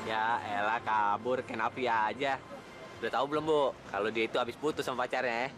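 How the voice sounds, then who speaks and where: A man's voice: mid-range voice, fast talker, music in the background, lightly acted. An actor playing a cheeky young man who teases his friends while playing matchmaker. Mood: teasing. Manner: teasing, boastful, lively banter. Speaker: actor in comedy drama.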